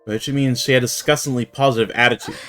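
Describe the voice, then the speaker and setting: A man's voice: mid-range voice, fairly even intonation, quick pace, pushed and bright, soft background music, lightly acted. A man voicing a theatrical, upbeat young student soldier who talks in a grandiose, old-fashioned way. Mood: rousing.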